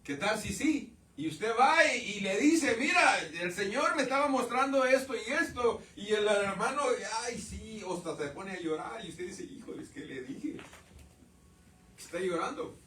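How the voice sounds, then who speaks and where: A man preaching a sermon in a church, calling his listeners brothers and swinging from loud outbursts to quiet asides. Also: high voice, expressive, moderate pace, few pauses, distant mic, slight background noise. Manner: addresses the congregation as brothers. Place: church sanctuary. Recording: roomy church sound from off-mic.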